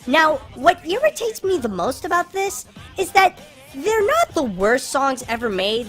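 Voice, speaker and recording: A film reviewer's voice, artificially pitch-shifted and a bit bright, delivers opinionated scripted commentary. He leans on key words with exasperated emphasis.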